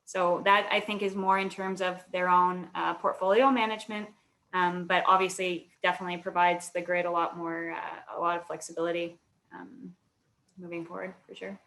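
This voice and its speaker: Woman guest on a video call, lowish flat voice, explains things carefully with lots of ums. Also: vocal fry, slight background noise. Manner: explanatory, measured, frequent fillers. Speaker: alumna guest speaker. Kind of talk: webinar Q&A answers.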